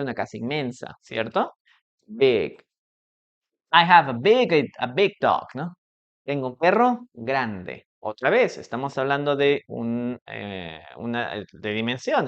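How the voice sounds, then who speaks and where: Slow, patient man teaching English. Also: medium pitch, very animated, a bit bright. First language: Spanish. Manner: patient, repetitive, checks understanding with frequent "okay?". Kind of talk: live online English lesson. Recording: dull lo-fi stream audio.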